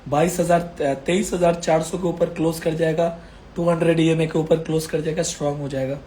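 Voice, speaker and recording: A man's voice: a little high, level tone, fairly quick, warm tone, a little hiss or hum. A man giving stock market commentary while unwell, his throat strained and coughing, repeating phrases emphatically to reassure viewers. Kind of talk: casual market commentary video.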